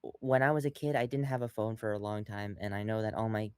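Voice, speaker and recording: A man's voice: fairly low pitch, fast talker, smooth, no room sound, clean studio sound. A young man co-hosting a podcast, rambling through casual chat with lots of fillers and restarts, acting out quotes along the way. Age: young adult. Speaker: podcast co-host.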